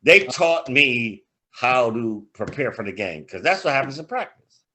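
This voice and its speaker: Animated older man telling football stories. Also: medium pitch, unhurried. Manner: animated, laughing storyteller, swears freely. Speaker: podcast co-host, grandfather. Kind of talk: casual sports chat.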